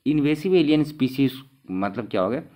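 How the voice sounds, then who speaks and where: A man's voice: mid-range voice, expressive, brisk, warm tone. Man teaching exam questions. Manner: repeats key terms, asks and answers own questions.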